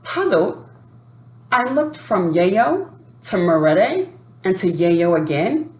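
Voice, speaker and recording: A low-voiced female educator reads a children's book aloud slowly and deliberately, guiding young listeners through the story and talking to families. She's expressive and asks the children questions, in an echoey room with faint background noise.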